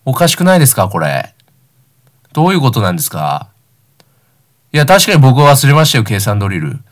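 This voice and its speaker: A man voicing a defiant young schoolboy who protests indignantly and shouts accusations. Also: mid-range voice, sing-song, fairly quick, close to an everyday voice. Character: defiant fourth-grade schoolboy protesting loudly.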